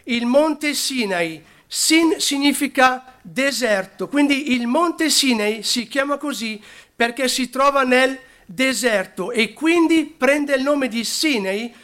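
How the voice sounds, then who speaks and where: A man preaching a sermon, unhurried, who stops to correct his own slips. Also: extremely high pitch, a bit bright.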